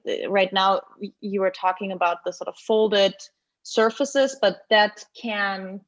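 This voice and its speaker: A woman with a German accent giving a halting, filler-heavy critique of student projects over a video call. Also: medium pitch, dull audio. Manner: hesitant, many restarts and fillers. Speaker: guest critic. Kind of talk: online design review critique.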